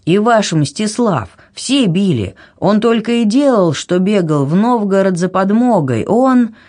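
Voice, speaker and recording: A woman's voice: lowish voice, sing-song, a little slow, a little mellow, voice pushed up. Woman doing an irritable pompous king. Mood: angry. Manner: angry, offended exclamations. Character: irritable older male king, pompous and touchy.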